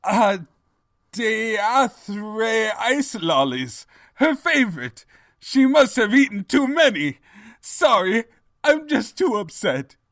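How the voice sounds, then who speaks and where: A man's voice: high voice, big pitch swings, slow pace, a bit bright, no echo, clean studio sound, voice pushed up, heavily acted. A man voicing a pompous, scheming and cowardly evil pony king with theatrical, grandiose delivery in a story. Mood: mock grief.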